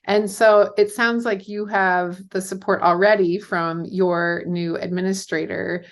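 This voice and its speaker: A woman's voice: mid-range voice, steady tone, a little slow. A woman hosting a podcast interview, talking conversationally with lots of fillers. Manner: conversational, many fillers like "you know". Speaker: podcast host. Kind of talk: casual interview talk.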